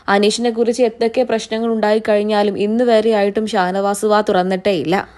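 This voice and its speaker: A woman giving scripted voice-over commentary as a reality show commentator, in an even, explanatory recap. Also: a little high.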